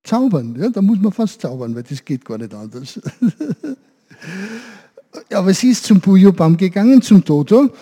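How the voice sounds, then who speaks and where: Animated man telling children a story. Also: sits high, brisk, hardly any pauses. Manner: animated, asks children questions. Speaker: children's service leader.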